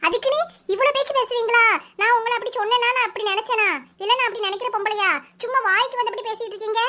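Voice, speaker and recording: A proud, quick-tempered village housewife in a cartoon comedy, voiced by a woman. She scolds and argues in a very high, fast, bright voice. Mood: indignant. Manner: scolding, argumentative. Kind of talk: animated village comedy voice acting.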